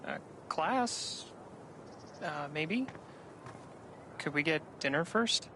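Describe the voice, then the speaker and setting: A man's voice: on the high side, lively intonation, extremely slow, pushed and bright, a little hiss or hum, full character voice. A man acting a shy, lovestruck young man in a video game, hesitant and awkward. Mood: nervous, hopeful.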